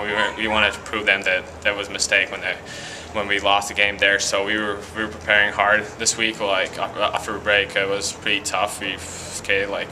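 Background noise surrounds this post-game interview in an arena hallway, where a young adult hockey player from Latvia speaks with a Latvian accent in a lowish voice. He's a college athlete, and he stumbles along with fillers and frequent restarts.

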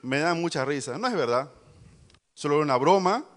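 A man voicing a mischievous little shepherd boy who yells for help and then laughs at the villagers. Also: a little high, lively intonation, a little fast. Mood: mocking. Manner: shrieking cries for help, then mocking laughter. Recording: long hall reverb.

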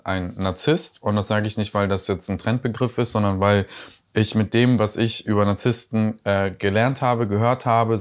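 A man hosting a reaction video, commenting on a reality show with sarcastic, mocking remarks. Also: fairly low pitch.

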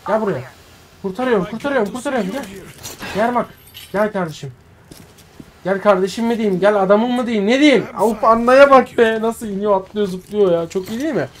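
A man giving live gameplay commentary as a streamer, excitable, swearing and yelling at the action on screen. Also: sits high, brisk. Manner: excitable, swears and yells at the game. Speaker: gaming streamer.

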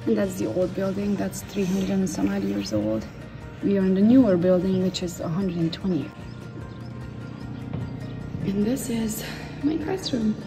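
An entrepreneur vlogger in her forties from Transylvania, Romania, tells her life story in a chatty, playful vlog, addressing viewers directly. Her medium-pitched voice is measured with frequent pauses over music, first in a home office with a window, then in an old school building.

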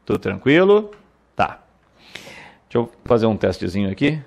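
A man's voice: on the low side, very animated, moderate pace, vocal fry, darkish tone. A man teaching an online exam-prep grammar lesson, drilling examples and coaxing viewers to answer aloud. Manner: repeats words and drills examples. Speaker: Portuguese teacher.

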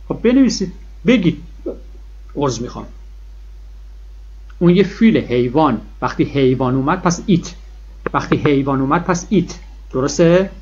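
A man teaching a grammar lesson, his voice sitting a touch high and coming through husky. He stresses and repeats every key point and draws example words out slowly. The recording is dull and lo-fi. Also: a little mellow. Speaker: English teacher. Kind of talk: classroom-style grammar lesson.

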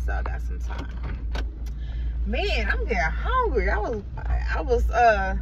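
Recorded on a phone held out at arm's length, a middle-aged Midwestern woman rambles casually to her vlog audience from inside a parked car. Her voice is fairly high and picked up from a distance, with muffled phone sound and faint car noise.

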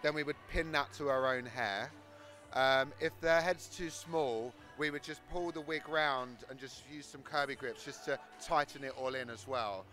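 Faint music plays behind this mid-range male voice, which comes across pushed and bright at a normal pace. He's a thirtysomething hairdresser with a South London accent, interviewed on a handheld microphone about his work as he demonstrates his technique backstage in a large exhibition hall.

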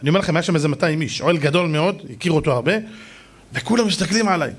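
A middle-aged man, a rabbi, telling stories in a lively sermon and acting out the people in them. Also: fairly high pitch, breathy edge. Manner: animated, acts out shouting voices, jokes with audience. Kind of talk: storytelling sermon.

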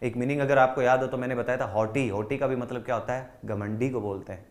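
A man's voice: mid-range voice, fairly even intonation, quick pace. A man with an Indian accent teaching an online exam-prep English lesson in Hindi, drilling word lists and checking that students follow.

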